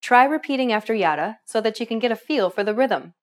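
A woman's voice: on the high side, expressive, fast talker. Woman narrating a scripted language lesson. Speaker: language course host.

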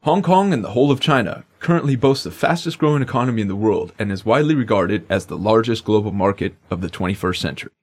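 A man's voice: on the low side, lively intonation, quick pace, hardly any pauses. A man co-hosting a language lesson podcast in upbeat, jokey scripted banter.

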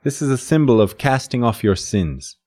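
A man's voice: medium pitch, very animated, moderate pace, a little mellow. A man co-hosting a scripted podcast, explaining traditions with a light, joking manner. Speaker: podcast co-host. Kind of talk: scripted educational podcast dialogue.

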